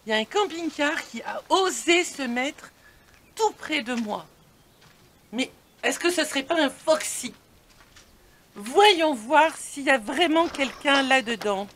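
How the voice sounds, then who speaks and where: A woman's voice: high voice, lively intonation, takes it slowly, a bit bright, slight background noise. A middle-aged woman hosting a casual vlog outdoors by a camper van, talking playfully to the camera held at arm's length and laughing often. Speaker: vlogger host. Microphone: handheld camera at arm's length.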